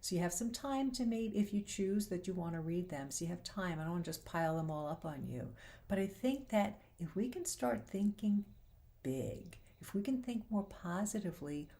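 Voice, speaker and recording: On a faith-based talk show, the female host offers earnest encouragement and quotes scripture. Her lowish, warm voice sounds a little worn because she is slightly losing it.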